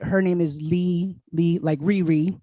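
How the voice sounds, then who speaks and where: A guest DJ from Queens, New York, chats casually on a podcast from a small, bright room at home, laughing easily and giving drawn-out, laid-back explanations. His voice is fairly high, steady and warm. He holds a handheld dynamic mic close, and there's no echo.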